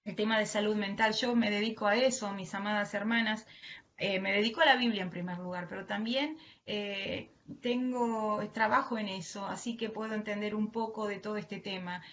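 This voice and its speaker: Addressing fellow women online, an Argentine-accented woman gives a heartfelt, affectionate devotional teaching. Her voice is mid-range and a bit bright, with a steady tone at normal speed. Faint noise runs under the dull, lo-fi recording.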